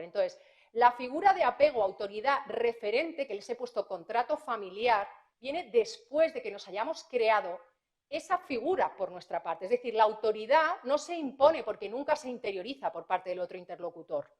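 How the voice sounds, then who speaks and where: A woman, speaking as a prosecutor at a conference in a fairly high voice. She talks in a lively, anecdotal way and slips into the voices of parents and teens as she tells her cases. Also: moderate pace.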